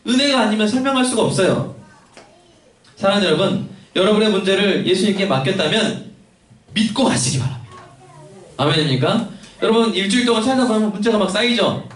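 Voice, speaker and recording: A male pastor preaching a sermon in a lively way, acting out little conversations for his congregation. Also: high-pitched. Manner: animated, acts out dialogue. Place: church sanctuary. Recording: echoey church hall, mic at a distance, faint noise.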